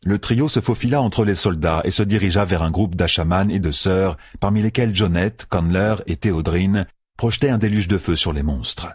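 A man narrating an audiobook with expressive storytelling. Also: low voice, normal speed, slightly rough, no room sound, studio quality. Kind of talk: scripted narration.

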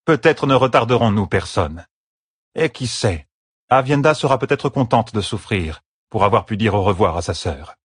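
A man's voice: lowish voice, normal speed, slightly rough, dry recording, studio quality. A man reading a story, voicing a composed elder wise woman who speaks in a neutral, firm tone. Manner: neutral, even tone.

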